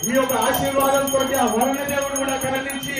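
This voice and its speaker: Very even, high-pitched deferential man. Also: fairly quick. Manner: deferential, pleading. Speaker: temple committee representative. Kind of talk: formal devotional address. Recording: echoey, music and bells behind. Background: music, bells.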